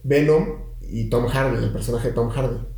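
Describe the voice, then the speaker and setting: Mellow-voiced young man in an echoey room. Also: mid-range voice, moderate pace. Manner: rambling, many restarts and fillers. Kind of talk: casual chat.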